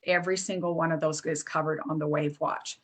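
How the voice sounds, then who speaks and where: A woman presenting a product in a casual, halting way, with many fillers and restarts, reading lists off a screen. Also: low voice, steady tone. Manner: reads lists aloud off a screen.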